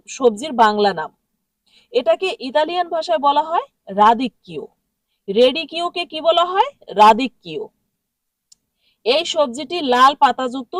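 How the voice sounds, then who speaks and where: A woman's voice: high-pitched, dry recording. A woman teaching a vocabulary lesson, repeating each word and asking the listener to say it back. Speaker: language teacher. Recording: dry sound from a distant mic.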